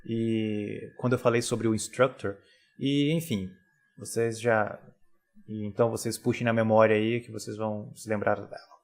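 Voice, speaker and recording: Relaxed man explaining software. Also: lowish voice, normal speed. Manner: relaxed, frequent tag questions and fillers. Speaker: software tutorial instructor. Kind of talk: casual screen-recorded tutorial.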